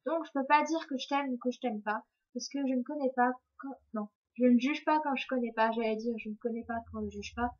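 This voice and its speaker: A woman's voice: a little high, a little fast, a little mellow, highs cut off. A young woman chatting casually to camera as a vlogger, rambling, tripping over her words and poking fun at herself. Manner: rambling and self-mocking, trips over words. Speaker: vlogger answering viewer questions.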